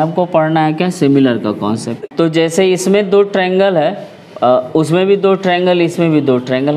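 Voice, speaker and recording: A man's voice: fairly high pitch, darkish tone. A man teaching a math class, explaining patiently and often asking whether the students follow. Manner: explanatory, checks understanding with repeated questions.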